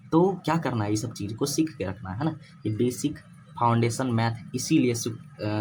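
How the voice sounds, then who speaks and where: Man, maths teacher, repeats himself, quizzes himself, faint background hiss. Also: mid-range voice. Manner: repetitive, asks and answers own questions. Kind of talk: classroom-style lecture.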